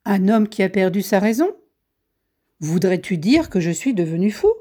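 A woman's voice: medium pitch, sing-song, moderate pace. A woman voicing a friendly travelling knife-grinder who calls out his trade. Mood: indignant. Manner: warm, hawking calls. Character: friendly knife-grinder father, hearty village craftsman.

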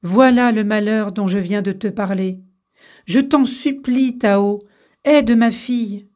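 A woman reading as a soft-spoken, regal queen. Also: medium pitch, takes it slowly, close to an everyday voice. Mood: pleading. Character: gentle, regal queen pleading for her daughter.

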